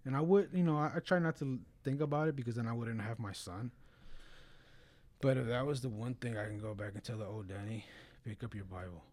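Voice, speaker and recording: A man's voice: mid-range voice, brisk, a little mellow. A man talking casually and earnestly about religion in a blunt way, often peppering his speech with slang and filler phrases. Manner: blunt, earnest, frequent "bro" and "you know".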